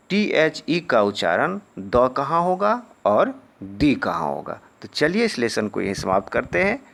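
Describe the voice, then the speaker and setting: Male teacher drilling pronunciation, slow and swoopy, asks then answers himself, bit of gravel. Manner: asks rhetorical questions, then answers with a low falling word; drawn-out, syllable-by-syllable pronunciation drills. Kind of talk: classroom lesson.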